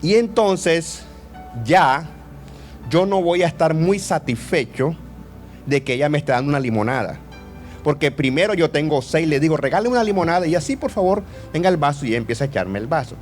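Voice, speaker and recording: A man in his fifties preaching a sermon in a lively way, joking and asking the audience questions. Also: fairly high pitch. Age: 50s.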